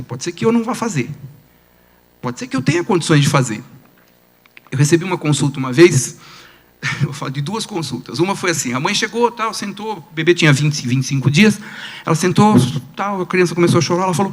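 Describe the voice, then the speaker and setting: A man with a Brazilian Portuguese accent, a pediatrician giving a conference lecture, telling animated stories and asking the audience rhetorical questions. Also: fairly high pitch.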